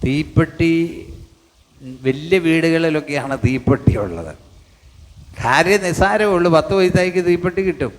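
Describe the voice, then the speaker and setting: A man's voice: fairly high pitch, normal speed, long pauses. An older man, preaching a sermon emphatically and repeating lines for the congregation. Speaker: pastor. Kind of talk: sermon with congregation reading scripture.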